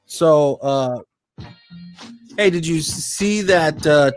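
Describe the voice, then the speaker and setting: A man's voice: on the high side, slow pace, soft background music. A man from Texas hosting a casual talk show, griping about pet peeves in slangy, conversational speech full of rhetorical questions.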